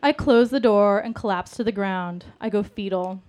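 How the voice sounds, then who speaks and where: A woman telling a candid personal story to an audience in a self-mocking, lively way. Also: medium pitch, normal speed.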